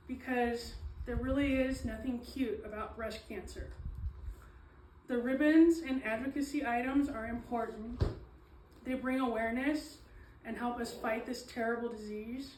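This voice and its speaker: A woman giving a slow, earnest reading of her own poetry, pausing often with ums and apologies. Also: fairly high pitch, darkish tone, slight background noise. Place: small event space, indoors. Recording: echoey room, mic at a distance.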